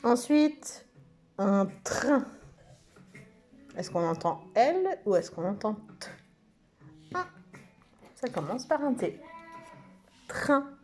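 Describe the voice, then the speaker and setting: A woman teaching preschool children, speaking slowly and stretching out each word and letter sound. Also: on the high side, sing-song, a little mellow, faint music behind. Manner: slow, sing-song, stretches out words and letter sounds. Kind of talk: slow lesson for young children.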